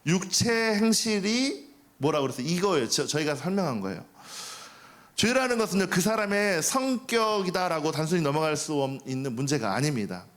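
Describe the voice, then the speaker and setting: A man's voice: fairly high pitch, big pitch swings, moderate pace, fairly bright tone. A man preaching a sermon as pastor, talking to the congregation in a conversational way, asking rhetorical questions and acting out the angry words of the people in his stories. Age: young adult. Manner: acts out quoted angry speech.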